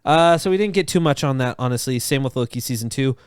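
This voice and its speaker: A man co-hosting a casual podcast, running through entertainment news with excitement. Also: medium pitch, clean tone, no echo, clean studio sound. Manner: excited, fast-moving news rundown. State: has the hiccups. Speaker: podcast co-host. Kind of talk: casual chat.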